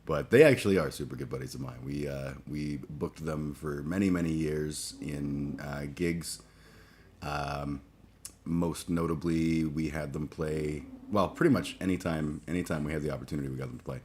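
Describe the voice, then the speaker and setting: Groggy forties streamer, very deep voice, rambling and profane, light background noise. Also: male voice, fairly even intonation, a little mellow. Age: 40s. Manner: halting, many fillers and restarts, profane. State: groggy after a late night. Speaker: livestream host. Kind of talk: casual rambling chat.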